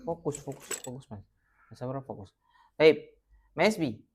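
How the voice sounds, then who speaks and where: A male Arabic teacher runs a classroom lesson, calling on students one by one. He speaks slowly and patiently, with a lively, rising and falling voice. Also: medium pitch, husky. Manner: patient, quizzing students by name, switching between Arabic and Indonesian.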